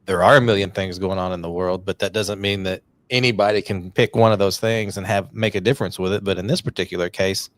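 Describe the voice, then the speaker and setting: A middle-aged man hosts a casual podcast conversation, talking in an earnest, encouraging, rambling way. His voice is low and the recording is dry.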